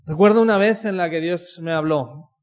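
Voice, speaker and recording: A man shares a personal faith story in a conversational testimony, often closing his sentences with a questioning "no?" His voice sits high but has a darkish tone, and he talks at a normal speed.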